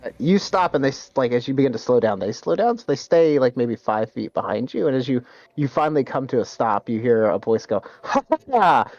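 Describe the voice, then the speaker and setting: A man's voice: mid-range voice, lively intonation, a little fast, a little mellow, no echo, muffled recording. A man narrating a tabletop game as game master, hesitant, with many fillers and restarts.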